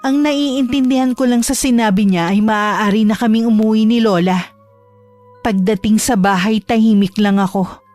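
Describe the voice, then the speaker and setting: A woman's voice: fairly high pitch, normal speed, a little mellow, faint music behind. Woman narrating a horror story.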